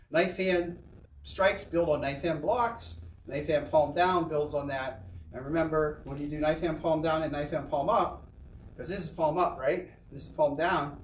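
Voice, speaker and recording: A man's voice: on the high side, moderate pace, reverberant, recorded from a distance, slight background noise, rough recording. A man teaching a karate class, encouraging and explaining step by step with frequent check-ins. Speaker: karate instructor. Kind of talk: online class instruction.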